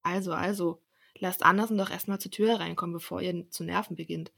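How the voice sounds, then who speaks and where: A young woman reading a storybook aloud, voicing a kind, motherly gnome wife who gently scolds her children. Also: fairly low pitch, fairly even intonation, quick pace, gravelly, breathy edge, heavily acted. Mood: gentle.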